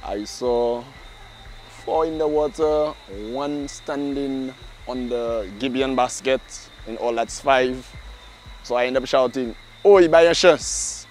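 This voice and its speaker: A man giving eyewitness testimony in a halting, deliberate way. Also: medium pitch, little pitch movement, a little mellow, a little hiss or hum. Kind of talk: interview testimony.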